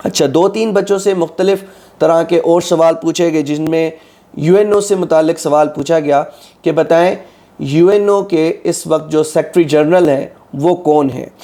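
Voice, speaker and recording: A warm, fairly high male voice moves at an unhurried pace as a Pakistani tutor teaches exam preparation. Slightly sore-throated and methodical, he lectures while frequently checking in with his students and saying "ठीक है" many times.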